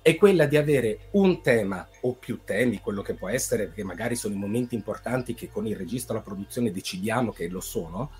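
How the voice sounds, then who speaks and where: A man who writes film scores explains his craft in a relaxed, conversational tone. He builds his points step by step with examples, even humming a melody. Faint music plays softly underneath. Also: on the low side, a little fast, hardly any pauses. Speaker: film composer. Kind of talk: casual explanatory chat.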